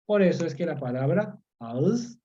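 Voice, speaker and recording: A man with a fairly high, mellow voice tutors online, unhurried and patient. He repeats each term and keeps checking that the listener follows. The audio is dull and lo-fi, like a video call. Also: lively intonation. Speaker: language teacher.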